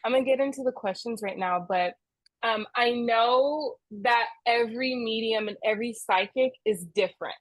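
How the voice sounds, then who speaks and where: A giggly, chatty woman hosts a casual podcast interview. Her voice sits a little high and sounds close and dry, with no room around it. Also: moderate pace, dry recording, low-quality recording. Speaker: podcast host.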